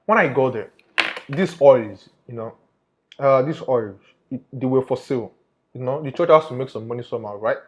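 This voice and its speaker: A man's voice: mid-range voice, moderate pace, dull audio. A man giving an informal investigative report to viewers, emphatic and often repeating his phrases. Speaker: undercover investigator presenter.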